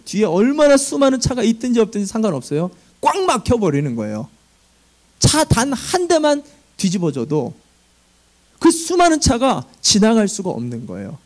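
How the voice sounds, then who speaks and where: A man's voice: high voice, darkish tone. A man preaching as senior pastor, emphatic and telling vivid everyday stories. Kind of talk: sermon.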